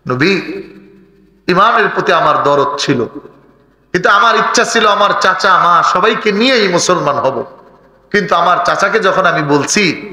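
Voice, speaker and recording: A man's voice: animated, measured pace, long pauses. Man chanting a fervent sermon. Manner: melodic chanting delivery with sudden swoops in pitch and loudness. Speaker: preacher. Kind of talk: sung Bengali sermon. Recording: reverberant hall, loud PA.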